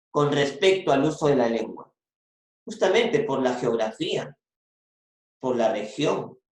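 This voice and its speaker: A Peruvian man with a coastal Peruvian Spanish accent and medium pitch teaches a secondary school language lesson, explaining step by step and repeating key phrases. He adds little checks like "¿no?" and "¿ya?", and the recording is echoey.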